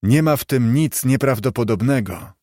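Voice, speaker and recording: A man reading the part of a humble, grieving clerk and father, in a warm and earnest tone. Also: medium pitch, animated, normal speed, no echo, clean studio sound, close to an everyday voice. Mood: tender.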